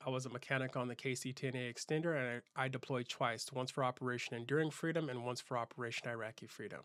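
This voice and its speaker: A man's voice: mid-range voice, fairly even intonation, fast talker, fairly bright tone, no room sound, clean studio sound. A man from Southern California, a keynote speaker and channel host, telling his life story in an earnest, reflective way, often restarting his sentences. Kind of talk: personal storytelling monologue.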